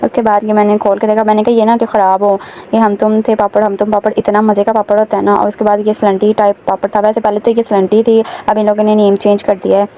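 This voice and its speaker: Fast-talking young woman vlogger, flat delivery. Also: medium pitch, a little hiss or hum. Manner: chatty, addresses viewers directly. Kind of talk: casual vlog voice-over narration. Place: home.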